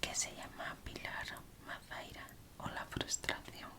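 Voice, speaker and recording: A woman with an accent from Spain reads true crime aloud as ASMR in a breathy, unvoiced whisper, softly and unhurried, in short phrases. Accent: Spanish, from Spain. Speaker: ASMR host reading aloud.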